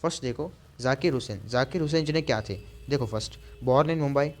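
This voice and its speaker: A male teacher giving an online class, reading out long lists, slowing down on hard names and adding frequent fillers. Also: medium pitch, darkish tone. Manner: reads out lists, adds frequent "theek hai" fillers; slows down to spell out hard names.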